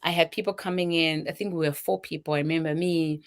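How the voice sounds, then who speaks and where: A middle-aged woman from Zambia with a Zambian accent, a charity founder telling her personal story in an emotional, animated way, acting out what people said. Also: low voice, fast.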